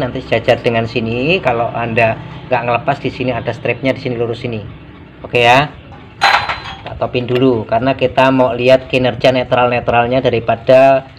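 A man's voice: mid-range voice, slight background noise. A man, a mechanic giving a casual hands-on workshop tutorial and explaining each step as he works. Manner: casual, explanatory, mixes in Javanese words. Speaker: motorcycle mechanic. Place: motorcycle workshop.

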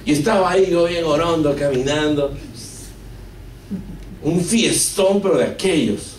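With a voice on the high side and a darkish tone, an Argentine preacher shares an emotional testimony in his sermon, often saying "brother" to his listeners and asking them rhetorical questions. He has an Argentine Spanish accent. The audio has a little hiss or hum, and the distant mic picks up an echoey room.

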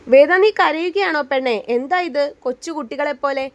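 Woman voicing a steady protective husband, high light voice, firm yet gentle. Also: moderate pace. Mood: tender.

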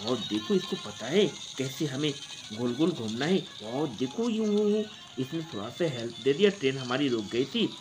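Over music, in a low-quality recording, a presenter of toy play videos narrates toy play for kids. He is an Indian man improvising play-by-play with plenty of exclamations, wows and interjections, speaking at a moderate pace in a medium-pitched, sing-song voice.

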